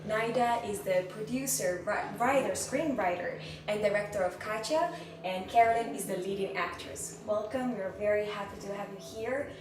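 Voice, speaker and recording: A woman's voice: mid-range voice, normal speed, background noise. A woman hosting a festival interview, friendly and encouraging, with frequent small sounds of agreement. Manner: friendly, encouraging, many back-channel hums. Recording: very echoey room, mic far off, music behind.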